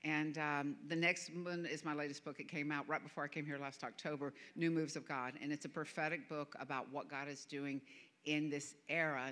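A low-pitched, sharp-toned woman with a Southern accent preaches a sermon in a church sanctuary. She's from the American South and appears as a guest minister. Chatty and self-deprecating, she laughs often.

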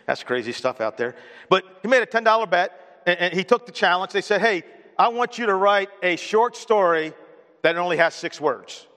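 A man's voice: high-pitched, animated, moderate pace. Earnest man preaching in a reverberant church. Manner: earnest preaching, swells loud on key points, drops soft on grief. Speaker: pastor. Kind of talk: sermon. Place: church sanctuary.

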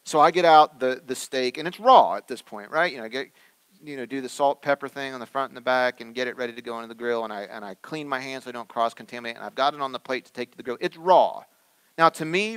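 A man's voice: medium pitch, a bit bright, smooth, no room sound. A man preaching a sermon in a conversational, joking storytelling manner, laughing along with his own anecdotes. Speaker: pastor.

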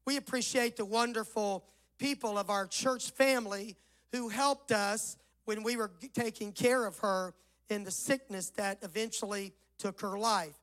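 A male pastor with a Southern US accent delivers a sermon in a fairly high-pitched voice. It is rough and hoarse, with a hollow sound as if from inside a barrel. He sets out each phrase deliberately, as one reciting scripture. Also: steady tone, fairly bright tone, poor audio.

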